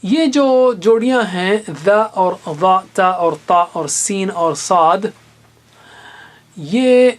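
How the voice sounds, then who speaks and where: A man teaching Quran recitation in a classroom lesson. He patiently explains and slowly sounds out single letters and syllables as examples. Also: sits high.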